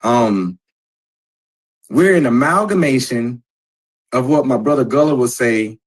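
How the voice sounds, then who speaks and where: A man moderating a casual panel discussion, explaining points in a measured, lecturing way. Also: mid-range voice, animated, rough recording.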